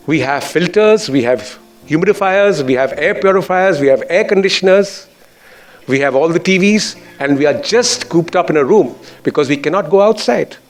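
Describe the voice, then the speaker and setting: A school chairman with an educated, posh Indian English accent delivers a formal speech. His voice is a little high, and his phrasing is earnest and emphatic.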